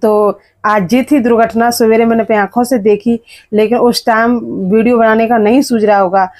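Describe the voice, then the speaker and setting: A woman's voice: a little high, steady tone, normal speed, a little mellow, dry recording. A woman vlogger talking casually to her viewers while walking outdoors, filming on a handheld phone. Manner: chatty, talks straight to viewers. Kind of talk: casual vlog narration. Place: outdoors on the street and at a temple. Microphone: phone held while walking.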